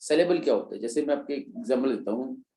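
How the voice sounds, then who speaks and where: Talking fast and with animation, a man teaches terms to an exam-prep class, pausing to check on students as he walks through every step. His medium-pitched voice is mellow and dark, and the recording echoes like an empty room.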